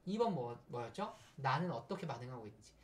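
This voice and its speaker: A woman's voice: a bass voice, fast. A middle-aged woman lecturing on conflict and communication in a recorded university class, often acting out short quarrel lines. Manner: lively, acts out quarrel lines in quotes.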